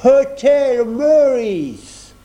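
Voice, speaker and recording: A man voicing a prankster who fakes a solemn English gentleman, speaking slowly and stiffly with a put-on English accent. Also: extremely high pitch, big pitch swings, lo-fi sound, pitched above the performer's own voice, full character voice. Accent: put-on English accent in French. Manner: slow, stiff, solemn, repeats himself.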